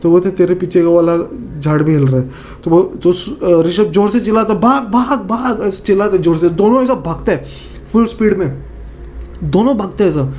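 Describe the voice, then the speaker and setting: Speaking at a moderate pace in a high voice, a man with a Northeast Indian accent recounts a horror story in a loose, animated style. He acts out his friends' lines, full of fillers and repetition, over slight background noise.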